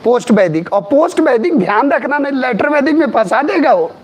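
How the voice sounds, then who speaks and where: A man's voice: very high-pitched, expressive, a little fast, darkish tone, breathy edge. A middle-aged man giving a classroom history lecture. He talks emphatically, repeats key terms and asks his students questions. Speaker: history teacher.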